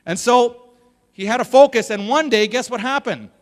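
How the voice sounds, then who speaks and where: A male motivational speaker telling a story on stage in an animated way, talking directly to the audience. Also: very high voice, moderate pace. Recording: long reverb of a large hall.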